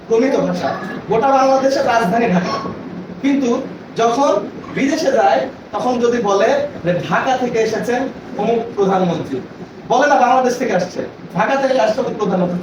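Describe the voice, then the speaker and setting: A man training teachers in a classroom lecture, explaining with examples and often checking that the listeners understand. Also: extremely high pitch. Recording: echoey room from far off, noisy.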